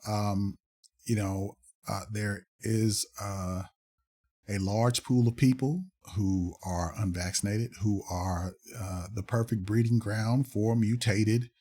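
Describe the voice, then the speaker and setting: A man giving casual commentary on fact-check articles, reading passages aloud and pausing often with fillers and restarts. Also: fairly low pitch, darkish tone. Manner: halting, many fillers and restarts, reads aloud then comments.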